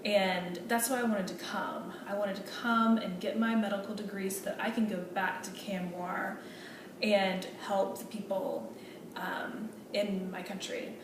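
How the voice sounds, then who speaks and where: In a noisy recording made with a distant mic in an echoey room, a woman plays an earnest female medical student at a role-play meeting. She uses a natural, mid-range voice with a steady tone and measured pace, speaking politely and hesitantly amid many fillers and restarts.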